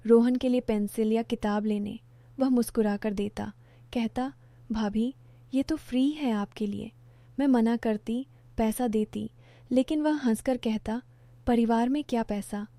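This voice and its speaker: A woman tells a first-person story in a calm, measured way, her voice fairly high yet mellow. The sound is dry and close, with no room around it. Her delivery stays reflective throughout. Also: no echo.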